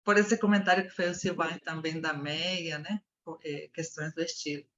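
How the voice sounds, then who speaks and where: An Argentine woman in her fifties takes part in an online discussion, offering a thoughtful comment while searching for her words. Her voice is low-pitched and fairly bright, with fairly even intonation at a moderate pace. The video call audio is muffled.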